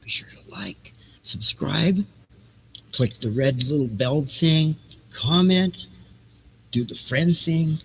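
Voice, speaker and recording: Rambling in improvised, casual chat, a man hosts a livestreamed show of readings and music, thinking aloud and repeating what he says. His voice is a little high and animated but slow, with long pauses, against a noisy background.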